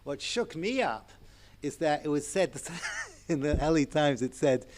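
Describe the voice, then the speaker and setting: A man in his sixties giving a Torah lecture to an audience, animated and chatty, with asides and chuckles. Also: on the high side, a little slow, a little hiss or hum. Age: 60s. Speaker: rabbi and lecturer.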